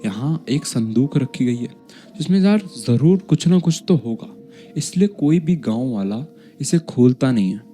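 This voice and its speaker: A man's voice: mid-range voice, animated, normal speed, warm tone, faint music behind, natural voice. A man voicing a fearless young older brother who brushes off worries and talks up a hidden chest, in a horror story. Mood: scheming. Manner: dismissive, reassuring.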